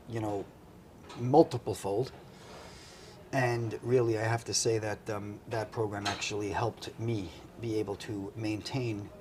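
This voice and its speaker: A man's voice: mid-range voice, a little mellow, slight background noise. A man who runs a charity, talking earnestly on a casual talk show, with lots of "you know"s. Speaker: charity CEO, guest. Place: restaurant.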